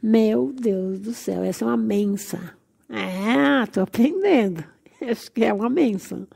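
A woman's voice: fairly high pitch, expressive, a little slow, gravelly, warm tone, slightly rough. A woman hosting a casual vlog, gushing with delight, her voice nasal and stuffy from a cold. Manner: effusive, gushing exclamations. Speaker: channel host. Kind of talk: casual plant-tour vlog.

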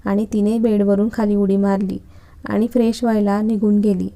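A woman storyteller reading a romance story aloud in a steady, even way. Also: medium pitch, normal speed. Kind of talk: scripted story narration.

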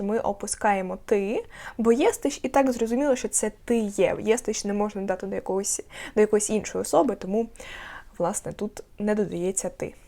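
A woman's voice: mid-range voice, dark tone. A woman teaches a beginners' language lesson to her online students. She explains each point patiently, repeats the key words, and stretches out the example phrases so they are easy to copy.

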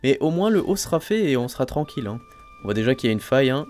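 A man casually commenting on his gameplay as a let's play host, thinking aloud, full of fillers and excited exclamations over each new find. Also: mid-range voice, rapid-fire. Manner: chatty, thinks aloud, frequent "hein" and "euh" fillers.

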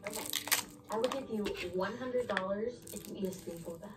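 A woman's voice: mid-range voice, brisk, echoey room, far from the mic, very noisy, natural voice. An actress playing a playful young woman who teases her friend in a TV drama. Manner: teasing, playful. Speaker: character in a TV drama. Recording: TV audio with music, heard from across a room.

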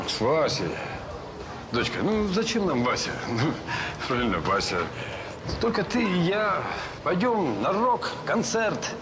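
An actor playing a roguish, excitable middle-aged policeman father in a TV drama, sarcastically throwing words back at others. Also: fairly high pitch, noisy background, full character voice. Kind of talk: naturalistic TV series acting.

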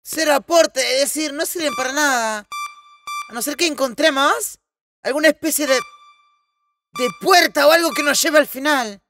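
A man giving casual, excitable commentary while playing a VR game, laughing often and shouting at the game. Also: extremely high pitch, moderate pace, faint music behind. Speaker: gamer.

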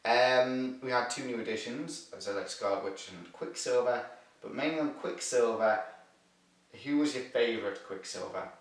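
Man, casual film chat host, rambling and excitable, very echoey room, far from the mic. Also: medium pitch, normal speed. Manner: excitable, rambling, frequent filler words. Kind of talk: casual movie review chat.

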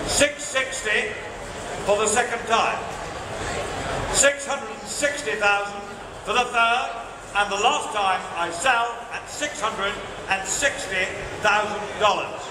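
A man working as an auctioneer, calling bids in a quick rhythm with dry asides at a live auction. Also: sits high. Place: large auction hall with a crowd. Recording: echoey hall from far off, audience noise.

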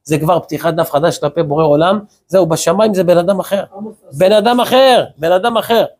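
A male rabbi with a high, slightly mellow voice preaches a sermon to his congregation. He fires off rhetorical questions and tells stories, acting out short quoted exchanges as he goes.

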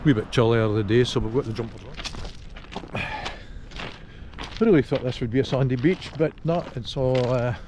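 A man's voice: mid-range voice, moderate pace, long pauses. An older man with a Scottish accent, chatting casually with dry humour as a travel vlogger, in a car and outdoors by the sea, recorded on a handheld action camera. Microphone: action camera held at arm's length. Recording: wind and traffic noise. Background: car and outdoor ambience.

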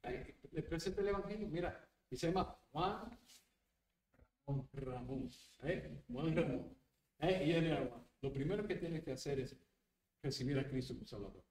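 Male pastor, fairly high voice, lively Bible-study teaching, echoey hall, mic at a distance. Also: normal speed. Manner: animated, mixes English words into Spanish, tag questions. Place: church.

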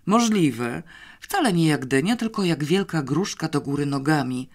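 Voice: mid-range voice, lively intonation, moderate pace, a little mellow. An audiobook reader voicing an offhand, cocky young schoolboy with a dismissive, boyish way of talking, in a somewhat raised voice.

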